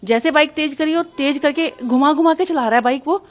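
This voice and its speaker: A young woman giving an urgent, agitated account of an incident to a news reporter. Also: high voice. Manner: urgent, agitated, hurried retelling. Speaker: interviewee recounting an incident. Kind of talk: emotional news testimony.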